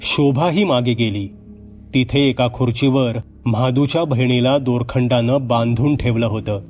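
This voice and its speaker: Guy telling a spooky bedtime story, steady and dramatic, quiet music under it. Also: medium pitch, normal speed. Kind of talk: scripted horror story narration. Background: faint music.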